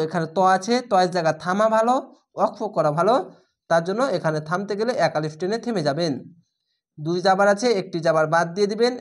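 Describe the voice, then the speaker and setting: A man with a Bangladeshi accent teaching Quran reading, who spells each letter and vowel mark aloud, then chants the whole word slowly and drawn out. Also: high voice. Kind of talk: spelling-out recitation lesson.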